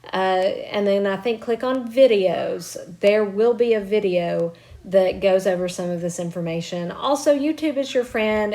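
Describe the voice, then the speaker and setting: With a mid-range, slightly mellow voice, a Spanish teacher gives a recorded grammar lesson from home while children are nearby. She explains patiently, one step at a time, and encourages her students.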